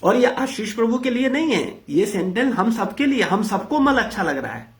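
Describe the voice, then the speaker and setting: A man's voice: high-pitched, big pitch swings, moderate pace. A man leading an interactive spiritual discourse, blunt and rhetorical, questioning his listeners. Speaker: spiritual teacher leading a class.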